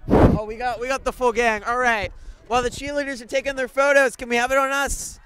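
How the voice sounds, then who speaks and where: A man's voice: very high voice, little pitch movement, a little fast, sharp tone, clear, resonant tone. A young man doing live, chatty sports broadcast commentary from a set at a stadium, bantering with guests. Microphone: handheld broadcast mic.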